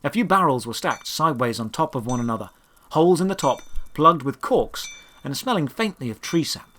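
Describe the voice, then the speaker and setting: Outdoor ambience plays behind a man reading a scripted first-person adventure from the audio drama he created and narrates. He's medium-pitched, expressive, and fairly quick, with a pushed, bright tone and a little hiss or hum.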